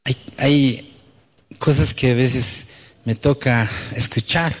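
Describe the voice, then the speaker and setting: With a steady tone and a slow pace, a medium-pitched man delivers a sermon as pastor of his church. His style is conversational, his thoughts frequently ending in a questioning tag, all heard through long hall reverb.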